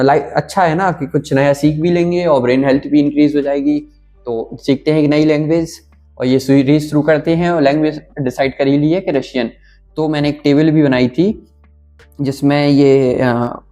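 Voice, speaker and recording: A young man with an Uttar Pradesh accent talks to camera in an easy, unhurried way, pausing with fillers as he thinks aloud. His voice is mellow and dark in tone, at a middling pitch, with soft music playing faintly behind him. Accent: Uttar Pradesh Hindi. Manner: relaxed, thinking aloud with fillers, slowly sounding out words. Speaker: vlogger learning Russian. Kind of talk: casual talk to camera.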